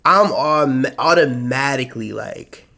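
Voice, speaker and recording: A man's voice: mid-range voice, unhurried, creaky, bright, forceful tone. A young American man talking casually to his channel, rambling and loose with lots of slang and fillers. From United States. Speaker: YouTube vlogger. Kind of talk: casual solo talk to camera.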